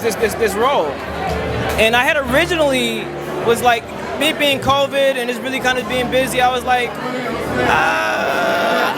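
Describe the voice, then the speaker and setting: A man from Atlanta, an actor, talking earnestly and rambling a bit in a red carpet interview. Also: extremely high pitch. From Atlanta, Georgia, USA. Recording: loud music and crowd at an event.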